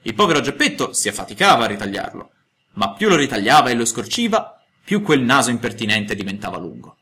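Audiobook narrator, male, bright tone, very animated intonation. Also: mid-range voice, brisk. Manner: expressive, storytelling cadence. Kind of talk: audiobook reading of a classic tale.

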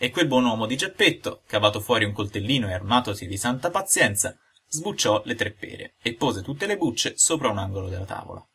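A man narrating a storybook aloud in a lively, expressive reading. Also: lowish voice, fairly quick, breathy edge. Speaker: audiobook narrator.

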